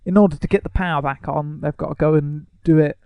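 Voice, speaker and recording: Male podcast co-host, gravelly, teasing, dry studio sound. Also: a little high, steady tone, quick pace, no room sound, dull audio. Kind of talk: casual comedic chat.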